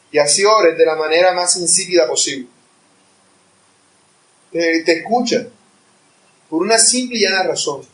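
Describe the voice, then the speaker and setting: A man preaching a sermon in a church, earnest and at times rising to impassioned pleading. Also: sits high. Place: church hall. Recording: echoey room, voice far from mic.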